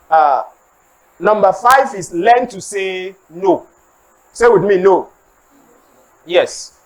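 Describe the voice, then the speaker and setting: A Nigerian preacher delivers a motivational sermon, sliding between English and Pidgin asides. The voice swoops through a wide, lively pitch range as he acts out comic street scenes. He keeps calling on the congregation to repeat lines back to him. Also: poor audio. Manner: animated, acts out comic street scenes, calls for audience response. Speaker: preacher giving a motivational talk.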